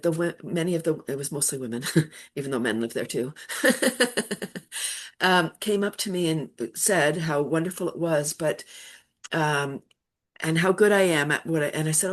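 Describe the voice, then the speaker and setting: A woman from Canada with a low voice, talking casually as a laughter yoga guest. She tells stories and acts out what people said, with easy laughter. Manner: warm storytelling, laughs often, acts out quotes. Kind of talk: casual interview chat.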